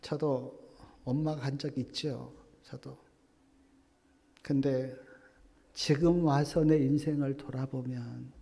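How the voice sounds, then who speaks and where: A male pastor preaching a sermon, swinging from loud exclamations to hushed whispers and acting out quoted prayers. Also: on the high side, slightly rough. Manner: acts out quoted prayers and complaints. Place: church sanctuary. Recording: long hall reverb.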